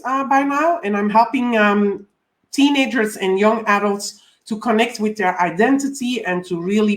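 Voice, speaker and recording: A woman from Belgium in her forties, a coach hosting a live stream, welcoming viewers over and over with frequent ums. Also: fairly high pitch. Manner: warm repeated welcomes, frequent ums, reads viewer comments.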